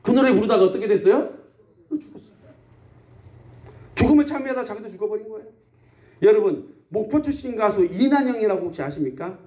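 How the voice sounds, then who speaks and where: A man's voice: sits high, lively intonation, fairly quick, pauses often, mellow. A male pastor preaching a Sunday sermon in a country church, asking the congregation questions and answering them himself, and acting out everyday complaints. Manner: acts out everyday complaints in quotes.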